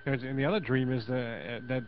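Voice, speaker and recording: A man's voice: medium pitch, fast, a little hiss or hum. Joking male radio interviewer, dull audio. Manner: friendly, joking, asks short questions. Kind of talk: casual interview.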